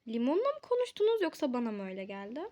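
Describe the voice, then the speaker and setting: A woman's voice: fairly high pitch, huge pitch swings, rapid-fire, dark tone. A woman voicing a polite bank clerk who greets customers in a formal way.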